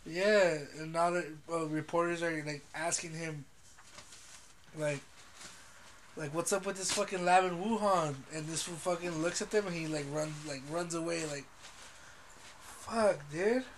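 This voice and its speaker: Guy hosting a chill chat, swears loads, slangy, highish voice, bit of noise. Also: steady tone, unhurried, long pauses, rough recording. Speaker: podcast host. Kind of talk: casual chat.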